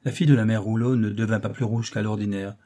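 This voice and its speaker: A man reading a classic novel aloud as an audiobook narrator, in a steady, measured manner. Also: fairly low pitch.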